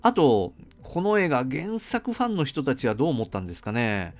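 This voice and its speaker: A man's voice: medium pitch, huge pitch swings, moderate pace. A middle-aged man giving a casual solo film review, chatty and full of conversational asides.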